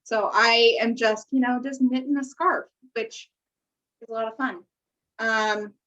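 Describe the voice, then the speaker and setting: Over dull, lo-fi call audio, a female podcast co-host keeps up a bubbly, chatty casual conversation. Her voice is fairly high and a bit bright.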